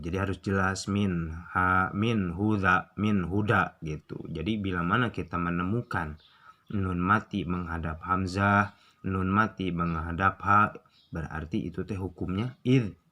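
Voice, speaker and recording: A young man with a Sundanese accent gives a relaxed recitation lesson, his voice very low yet bright and sharp. He speaks slowly, stretches each example word, and keeps putting questions to himself before answering them. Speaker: Quran recitation teacher. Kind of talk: casual tutorial explanation.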